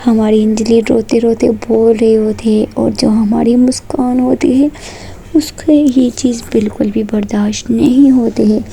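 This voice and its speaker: Woman storyteller, romantic tale, soft half-whispered delivery, gravelly and very dark tone. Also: fairly high pitch, fairly even intonation, measured pace, slight background noise.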